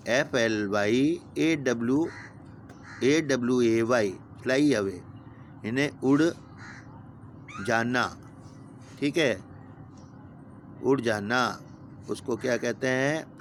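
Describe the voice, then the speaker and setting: A man's voice: mid-range voice, takes it slowly, pauses often, slight background noise. A man teaching a vocabulary lesson to young pupils, patiently spelling each word letter by letter and giving its meaning. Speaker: school teacher.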